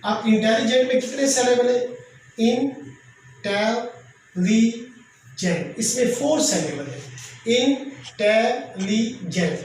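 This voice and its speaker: A man teaching a grammar lesson, explaining slowly and repeating each example. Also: extremely high pitch, very animated, a little mellow. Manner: slow, repetitive explaining. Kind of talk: classroom lecture. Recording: very echoey room, faint noise.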